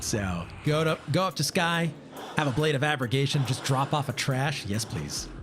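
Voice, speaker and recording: A man's voice: fairly high pitch, normal speed. Casual man streaming a game over music. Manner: casual, thinks aloud and answers chat, many fillers. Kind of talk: live gameplay commentary.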